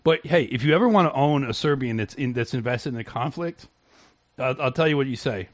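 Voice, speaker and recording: A man hosting a casual interview who talks in a rambling, halting way with frequent restarts and bursts of laughter. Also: medium pitch, lively intonation, no echo. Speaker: podcast host.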